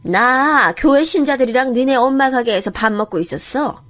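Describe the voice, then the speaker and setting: A woman's voice: high voice, animated, normal speed, a bit bright. A woman playing a pushy, self-centered middle-aged mother-in-law who talks bluntly and orders people around. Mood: offhand bossy. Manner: blunt, bossy casual speech.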